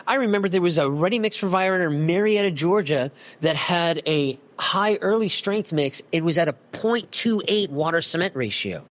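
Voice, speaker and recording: A man's voice: high voice, animated, normal speed, few pauses. Heated, emphatic man on a podcast. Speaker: guest expert. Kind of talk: passionate podcast conversation. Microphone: video call.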